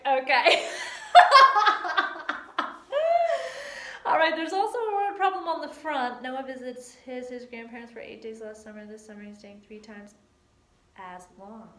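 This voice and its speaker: A woman's voice: a little high, fairly even intonation, moderate pace. A woman teacher giving a recorded homework lesson, chatty and playful with silly catchphrases. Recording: echoey room.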